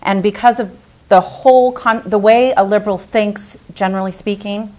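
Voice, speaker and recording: A woman's voice: medium pitch, fairly even intonation, normal speed, a little mellow. A woman commenting as a panel guest, talking in rambling, emphatic sentences. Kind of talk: panel discussion.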